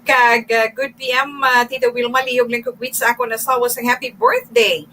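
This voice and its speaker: A woman with a Hiligaynon accent hosting a radio show, reading out listener greetings in a chatty way with fillers and pauses. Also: a little high, bright, forceful tone, slight background noise, rough recording. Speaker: radio host. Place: radio studio.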